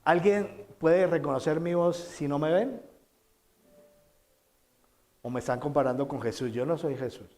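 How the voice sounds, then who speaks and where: A man preaching a sermon as pastor, emphatic and repetitive, swinging between loud quoted lines and soft, low asides. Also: unhurried, pauses often. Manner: emphatic preaching with repeated phrases and dramatic quotes.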